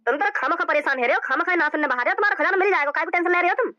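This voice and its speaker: Woman doing a cartoon henchman, cocky, breezy, coaxing, very high voice. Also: rapid-fire, pushed and bright, no room sound, lo-fi sound. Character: cocky reassuring male henchman.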